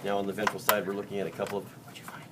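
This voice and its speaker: Rapid-fire and monotone, this fairly low-voiced biology teacher jokes around and quizzes his class as they dissect. The chatty lesson is captured from a distance amid classroom noise.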